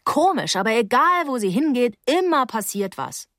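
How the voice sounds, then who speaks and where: A woman's voice: a little high, sing-song, moderate pace, fairly bright tone, no echo, clean studio sound, voice pushed up. A woman doing a fretful, chattering woman.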